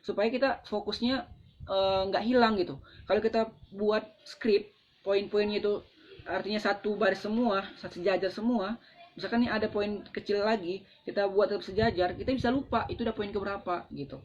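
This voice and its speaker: Indonesian-accented mentor, casual conversational teaching, mid pitch, slightly lo-fi. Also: steady tone, fairly quick, slight background noise. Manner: conversational, explains with acted examples, frequent fillers. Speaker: presentation skills mentor. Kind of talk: casual live-stream teaching talk. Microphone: phone. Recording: slightly dull lo-fi live-stream audio.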